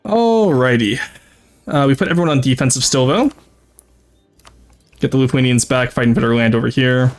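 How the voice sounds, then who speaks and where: A male streamer and VTuber gives casual live commentary on a game in a medium-pitched voice, thinking aloud as he plans and talks to his chat. He speaks at normal speed with frequent pauses, music playing behind him.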